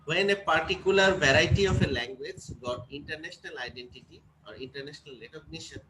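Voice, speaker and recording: Higher-voiced male teacher lecturing a class. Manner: explains slowly, often checks "is it clear?". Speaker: English teacher. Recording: noisy classroom recording.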